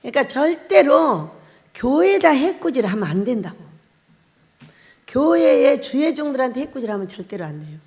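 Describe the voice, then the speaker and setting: A woman's voice: high voice, big pitch swings, moderate pace, a little mellow. A woman pastor giving a revival sermon, telling stories and acting out the voices she quotes. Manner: storytelling, acts out quoted voices, laughs often. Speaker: pastor, head of a fasting prayer house. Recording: long hall reverb.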